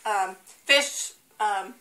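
Chewing woman in her seventies, bright voice. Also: mid-range voice, drawn-out words, slight background noise. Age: 70s. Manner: hesitant, groping for words with many ums. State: chewing while talking. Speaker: grandmother doing a blindfold taste test. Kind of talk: casual chat.

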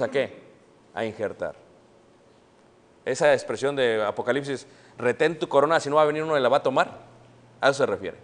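A middle-aged man with a Mexican accent preaching a sermon, quizzing the congregation and acting out the people he quotes. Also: fairly high pitch. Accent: Mexican Spanish. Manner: animated, asks the congregation questions and acts out quoted people. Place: church hall. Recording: long church hall reverb.

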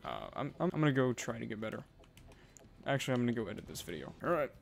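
A young man giving live commentary on a shooter game, frustrated and swinging between yelling and muttering. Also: medium pitch, very animated, racing, creaky. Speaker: gaming YouTuber. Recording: game gunfire loud behind voice. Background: game gunfire and explosions.

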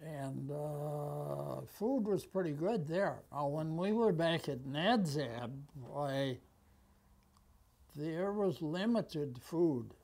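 Old american guy in his 90s reminiscing, really slow and halting, slightly high aged voice. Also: lively intonation, creaky, a little mellow. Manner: halting, with long pauses. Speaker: war veteran being interviewed. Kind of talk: conversational reminiscence. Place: small office, indoors. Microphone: lapel mic.

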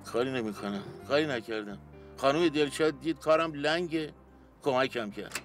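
A man's voice: medium pitch, soft background music, lightly acted. An actor playing a weary, indebted man in a TV series, talking in a downcast, complaining way. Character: weary indebted middle-aged man, worn down. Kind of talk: TV series acting.

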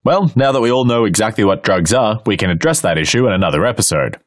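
A man's voice: lowish voice, lively intonation, fast, no room sound, studio quality. A man narrating a scripted educational explainer with playful, wry asides. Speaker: host and narrator.

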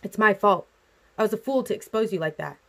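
A woman's voice: mid-range voice, a little fast, creaky, a bit bright. A woman reading as a brooding young vampire man. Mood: tense.

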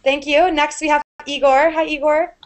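A woman's voice: high-pitched, level tone, moderate pace. Upbeat woman teacher on a video call. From United States. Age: young adult. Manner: upbeat, clear teacherly explaining. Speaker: online English teacher. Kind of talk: live online class. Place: small room indoors. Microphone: earbud headset on a video call.

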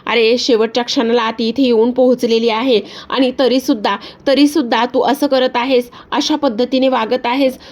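A woman's voice: fairly high pitch, muffled recording, natural voice. Woman reading as an urgent, reproachful man. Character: urgent man pleading with a son.

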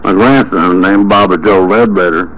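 A low-voiced prank caller speaks at normal speed, a crowd audible behind him amid steady background noise on the noisy phone recording. His complaints are folksy and rambling, circling back on themselves and peppered with exclamations.

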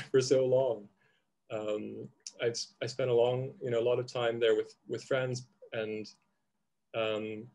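A man's voice: mid-range voice, darkish tone. A man in his thirties, who grew up in Indonesia, speaking on a video call from a home room, thoughtful and hesitant with restarts. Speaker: panel speaker. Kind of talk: reflective conversation.

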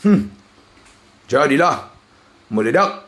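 Shouting excitable man. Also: on the high side, slow pace, slight background noise. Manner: loud, shouting and exclaiming, jumpy swings between yelling and muttering. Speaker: slot game streamer. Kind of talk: excited live commentary on a slot game.

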